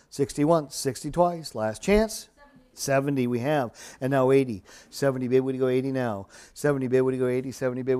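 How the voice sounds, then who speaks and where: A male auctioneer with a mid-pitched voice runs a live sale. He chants the bids in a looping, rhythmic patter, keeping it casual and folksy. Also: a little mellow.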